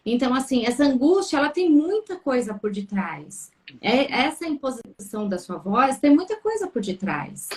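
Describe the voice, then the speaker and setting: A woman's voice: high-pitched, sing-song, normal speed, darkish tone. A woman, a therapist co-hosting a live Q&A, who talks things through with a string of probing, reflective questions. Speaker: therapist co-host. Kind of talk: live Q&A chat.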